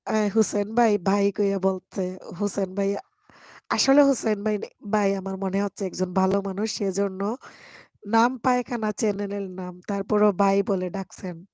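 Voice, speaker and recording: Hoarse woman streamer chatting casually into a phone, slow and drawn out, in a dry small room. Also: mid-range voice, steady tone, a little mellow, no echo. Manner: laughs a lot, slow and drawn-out. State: hoarse from a cold. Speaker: live-stream host. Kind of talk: casual live-stream chat reading comments.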